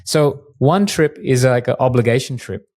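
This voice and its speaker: A man, a guest mortgage broker chatting casually in an interview and telling relaxed stories with frequent restarts. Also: medium pitch, moderate pace, no echo, clean studio sound. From Australia.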